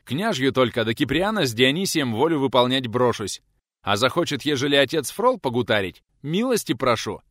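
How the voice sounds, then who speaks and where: A man voicing a gruff, sarcastic older male teacher who scolds bluntly. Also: lowish voice, sing-song, a little fast, fairly bright tone, no echo, clean studio sound. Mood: gruff scolding.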